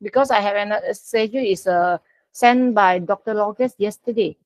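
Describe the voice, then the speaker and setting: A medium-pitched woman with a Malaysian accent moderates an online video meeting, speaking informally in a polite, halting way. The call audio is dull and lo-fi.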